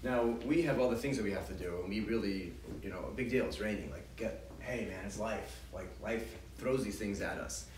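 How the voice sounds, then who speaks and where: Speaking fast with few pauses, a man with a fairly low, darkish voice runs a casual parenting class for a group in a congregation hall. He chats, plays out both parent and child lines, and often starts sentences over; the distant mic picks up a roomy hall, faint ambience and slight background noise.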